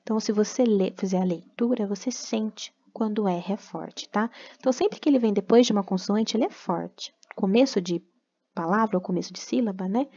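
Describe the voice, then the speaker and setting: A woman's voice: mid-range voice, brisk, mellow, muffled recording. A woman from Brazil teaching a remote class, patiently explaining step by step and checking in with tag questions.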